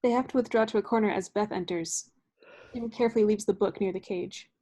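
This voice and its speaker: Over a video call microphone, a woman reads stage directions as scripted narration for a remote staged play reading. Her voice is medium-pitched, brisk, and warm.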